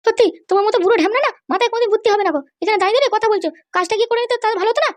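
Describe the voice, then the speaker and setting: A woman's voice: very high voice, very fast, dry recording. A woman voicing a bossy cartoon mother who scolds her husband. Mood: scolding. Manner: nagging, scolding. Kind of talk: cartoon voice acting.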